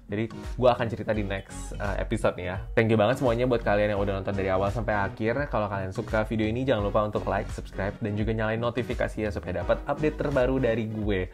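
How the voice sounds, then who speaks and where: A man's voice: fairly low pitch, fairly even intonation, fast, hardly any pauses, faint music behind. A young man from Indonesia telling fan stories in a chatty vlog, often calling out to his viewers. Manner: chatty, addresses viewers as "guys". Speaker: vlogger. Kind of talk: casual storytelling to camera.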